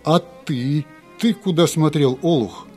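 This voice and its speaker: A man voicing a huge hot-tempered sculptor who shouts and scolds loudly. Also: medium pitch, expressive, unhurried, faint music behind, lightly acted. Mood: furious. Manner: shouting, furious.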